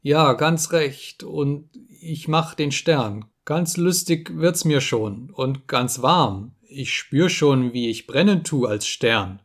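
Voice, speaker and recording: A man's voice: mid-range voice, slow pace, few pauses. A man voicing a small, shy peasant boy with a childlike, breathless voice in a storybook reading. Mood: hushed, dreamy.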